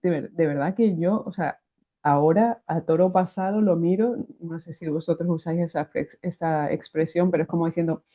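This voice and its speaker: A woman with a Spanish accent from Spain tells a personal faith testimony in a lively way, often restarting her phrases. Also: fairly low pitch, moderate pace. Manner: animated, restarts phrases, acts out quoted voices. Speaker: guest giving a faith testimony. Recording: tinny phone-like sound.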